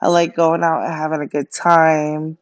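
Hosting her debut solo podcast, a young Jamaican-accented woman who was raised in Brooklyn chats in a friendly, casual monologue with many fillers. Her voice sits low with a flat delivery at normal speed, and the audio is dull.

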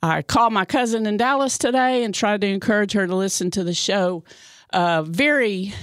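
Casting: bubbly woman, 60s, radio host, dry studio sound, mid pitch. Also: dry recording. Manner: chatty, bubbly, with many fillers and restarts. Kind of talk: casual radio chat. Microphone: studio mic.

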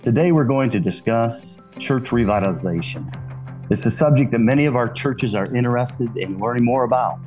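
A man's voice: mid-range voice, moderate pace, darkish tone, faint music behind. A man hosting a podcast, giving earnest, friendly introductions and welcoming his guest. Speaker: podcast host.

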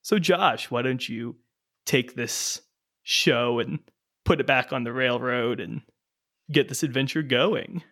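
A man's voice: mid-range voice, slow, a bit bright. A man voicing a sneering, menacing male villain who mocks the players with theatrical taunts. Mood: gloating.

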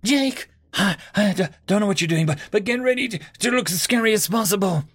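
A man's voice: high-pitched, big pitch swings, a little slow, no room sound, pitched above the performer's own voice, full character voice. A man voicing a frightened, injured female creature who speaks timidly and stammers. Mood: pained.

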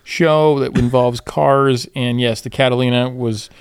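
A man's voice: medium pitch, steady tone, a little slow, clean tone, dry recording. A man hosting a show with casual, jokey banter and a chuckling way of talking. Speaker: podcast host.

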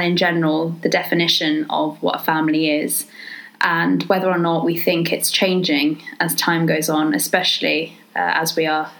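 A woman's voice: lowish voice, poor audio. A woman from the United Kingdom hosting a podcast, talking in a casual, friendly way and leading the chat with questions. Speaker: podcast host.

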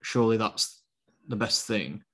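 A man co-hosting a podcast, talking in a steady, not very animated way and hesitating with fillers. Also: fairly low pitch, measured pace, a little hiss or hum. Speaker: podcast co-host. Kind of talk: casual podcast chat.

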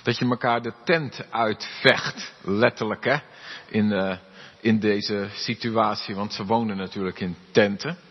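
A man, a pastor, reading Scripture aloud and then preaching, giving the characters' lines an expressive voice. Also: fairly low pitch, unhurried, breathy edge. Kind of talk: Bible reading and sermon. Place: church hall. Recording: dull, reverberant church recording.

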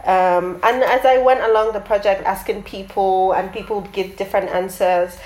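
A woman's voice: mid-range voice, steady tone, normal speed, darkish tone. A woman artist being interviewed about her project, talking thoughtfully with many fillers and restarts. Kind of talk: casual interview talk. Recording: roomy echoey sound.

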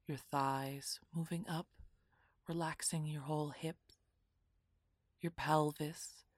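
A woman guiding a relaxation meditation in a soft, half-whispered, soothing voice. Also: low-pitched, steady tone, takes it slowly, no echo, clean studio sound. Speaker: meditation guide.

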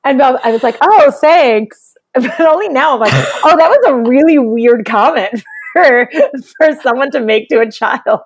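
A woman with a New York accent and a raspy chain-smoker voice, chatting casually and jokingly as a comedian guest. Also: high-pitched, moderate pace. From Brooklyn, New York, United States. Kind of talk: casual chat.

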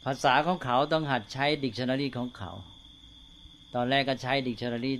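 An older male Buddhist monk giving a slow, unhurried talk to fellow monks, often checking in with tag questions. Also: mid-range voice, fairly bright tone, a little hiss or hum.

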